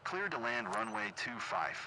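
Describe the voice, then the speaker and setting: A man's voice: lowish voice, very animated, unhurried, a crowd in the background. A man reading back clipped pilot radio calls, heard through a cockpit headset. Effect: pilot radio call heard through a cockpit headset. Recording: noisy, distant radio transmission.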